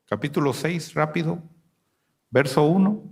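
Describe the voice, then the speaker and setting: Hombre predicador de voz aguda. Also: male voice, on the high side, a little slow, vocal fry, slightly rough. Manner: preaching with rhetorical questions, swings from loud to hushed. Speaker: pastor. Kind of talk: sermon.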